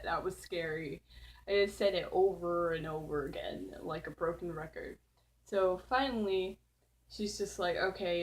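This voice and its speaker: Teen girl rambling through a creepy story, lots of likes and giggles, lowish voice, faint hum behind her. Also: rough recording. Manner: rambling, full of "like" fillers, giggly. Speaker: channel host. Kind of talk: casual spooky storytelling. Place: at home. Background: faint background noise.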